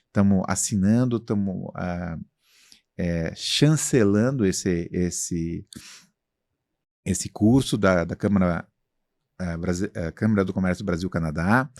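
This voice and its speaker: A man's voice: sits low, dry recording, clean studio sound. A Brazilian man being interviewed about his company, talking in a self-assured, expansive way with many fillers. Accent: Brazilian Portuguese. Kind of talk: casual interview talk.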